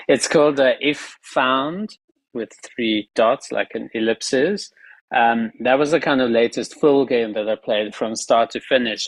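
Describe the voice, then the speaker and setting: Man, mid-pitched voice, enthusiastic, rambling, earbud mic, dry sound. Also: no room sound, rough recording. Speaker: panelist, game enthusiast. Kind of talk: casual panel talk. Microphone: earbuds on video call. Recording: dry close audio.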